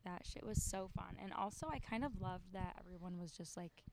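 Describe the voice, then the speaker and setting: A young woman co-hosting a casual podcast outdoors by a backyard pool, speaking in a relaxed, trailing way with many fillers. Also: on the low side, brisk, vocal fry, background noise. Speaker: podcast co-host.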